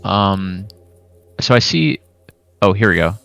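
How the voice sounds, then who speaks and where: A man playing a tabletop game, chatting casually in an unhurried, wry manner. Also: low voice, animated, creaky, a bit bright, faint music behind.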